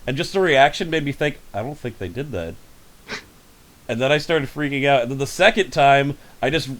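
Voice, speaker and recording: A man hosting a casual podcast over a voice call, telling rambling, animated stories. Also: medium pitch, moderate pace. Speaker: podcast host. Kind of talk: casual chat. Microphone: home microphone over a voice call.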